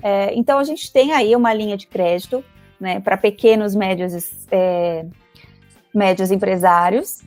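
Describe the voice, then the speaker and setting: A woman speaking as a financial advisor guest in a casual interview, talking quickly and chattily with many fillers. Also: medium pitch, a little mellow, dry recording, soft background music. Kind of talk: casual interview explaining investments.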